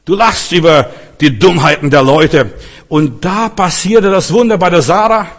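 German-speaking preacher in a reverberant hall. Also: male voice, on the high side, measured pace. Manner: lively, rising and dropping, acts out quotes. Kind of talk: sermon.

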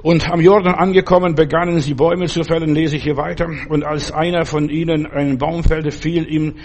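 A man's voice: on the high side, little pitch movement, brisk, a little mellow, a little hiss or hum. A man preaching a sermon and reading a Bible story, talking in an earnest, fatherly way straight to the listener.

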